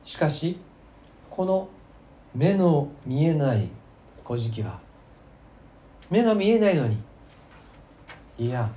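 A male pastor preaching a sermon, telling the story with emphasis, swinging between loud and soft and asking the listeners questions. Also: a little high, expressive, slow pace, pauses often, reverberant. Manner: asks the congregation rhetorical questions.

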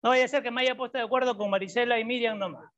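A woman's voice: a little high, fairly even intonation, very fast, a bit bright. A woman preaching a sermon, repeating her key points and asking the congregation questions. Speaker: preacher and psychologist. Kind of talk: sermon with Bible reading. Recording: dull lo-fi recording.

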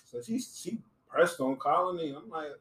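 Animated man telling a wild story. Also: fairly high pitch, moderate pace, crowd noise. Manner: animated, acts out quotes in raised voices, laughs often. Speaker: podcast host telling a story. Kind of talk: casual storytelling chat. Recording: roomy with faint noise.

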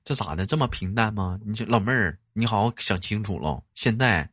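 A man's voice: lowish voice, a little fast, fairly bright tone, husky, no room sound, studio quality. A man hosting a livestream chat, teasing and joking in a Northeastern Mandarin accent. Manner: teasing, jokey, stresses words. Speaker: livestream host.

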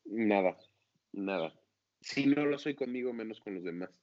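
A man's voice: fairly low pitch, expressive, normal speed, darkish tone, no echo, dull audio. A man, an actor being interviewed, talking casually and acting out his own self-critical inner voice.

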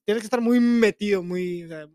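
A man's voice: sits high, mellow, dry recording, clean studio sound. A young man, co-hosting a casual podcast chat, talking in crude slang and arguing his point. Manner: crude slang, fast, argumentative. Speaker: podcast co-host.

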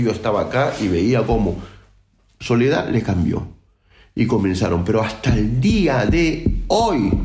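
A man's voice: mid-range voice, a little mellow, a little hiss or hum. Peruvian guy guest on a radio interview, talks emphatic and blunt, lots of restarts, roomy echo. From Peru. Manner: emphatic, outspoken, many restarts. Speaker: guest percussionist. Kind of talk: casual interview talk.

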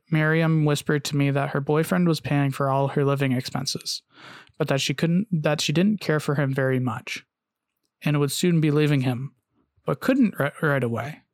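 A man hosting a casual storytelling podcast. He has a gravelly voice pitched a little high. He recounts events haltingly, with many "uh"s and restarts, and the sound is close and dry. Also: no room sound. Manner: hesitant, frequent "uh" and restarts, reads long quotes aloud. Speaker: podcast host.

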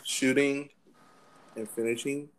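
A man's voice: mid-range voice, steady tone. Hesitant young man in casual chat. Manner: hesitant, lots of ums and pauses. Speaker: chat guest.

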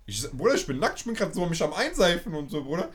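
A man's voice: on the high side, quick pace. Young man telling a story, slangy. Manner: animated storytelling full of street slang. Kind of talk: casual chat.

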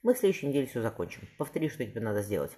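A husky man reading as a stern spymaster duke. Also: mid-range voice, very animated, very fast, dark tone. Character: stern middle-aged male spymaster duke.

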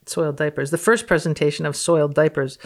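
A woman guest on a podcast reads research aloud and reacts casually and unscripted, with wry, matter-of-fact commentary. Her voice sits low and moves at a quick pace.

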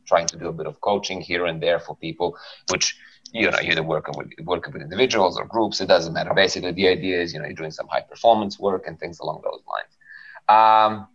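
A man talks in a very low, relaxed voice, dropping casual swears and tagging his points with "right?". He is a guest psychologist on a casual podcast. The audio is dull and lo-fi. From Serbia. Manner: relaxed, swears freely, often tags with "right?".

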